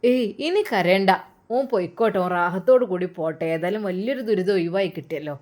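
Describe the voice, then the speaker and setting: A woman's voice: mid-range voice, quick pace, a little mellow, pitched below the performer's own voice, natural voice. A woman voicing an older village mother, who speaks in a soothing, firm way and uses many motherly endearments.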